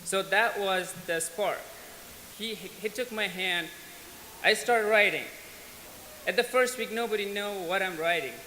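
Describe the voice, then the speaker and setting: With a high, bright voice and a forceful tone, a twenty-something man from Afghanistan tells his life story as a church guest speaker. It's a personal testimony given earnestly and simply, at an easy pace, broken now and then by little restarts. The audio comes from an echoey church hall with faint background hiss.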